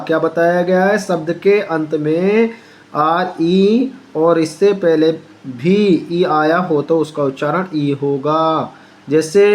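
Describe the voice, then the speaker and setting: A man teaches pronunciation at an unhurried, deliberate pace, spelling each word letter by letter. He keeps quizzing his listener with short questions. A faint hiss sits under his voice. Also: on the high side. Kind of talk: spoken pronunciation lesson.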